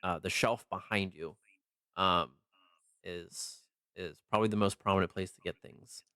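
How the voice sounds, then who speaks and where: A man narrating a tabletop game as game master, improvising haltingly with many mid-sentence pauses. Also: low-pitched, steady tone, pushed and bright, clean tone, no room sound, studio quality.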